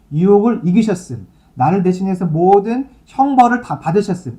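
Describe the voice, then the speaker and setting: Very dark-voiced male pastor preaching. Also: sits high. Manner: conversational preaching, reads scripture aloud and explains it. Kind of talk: sermon.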